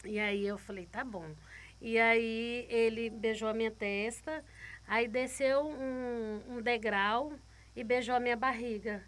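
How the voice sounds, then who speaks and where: A woman's voice: fairly high pitch, fairly even intonation, a little slow. A woman guest telling a personal faith testimony, retelling it vividly, repeating words and acting out other people's lines.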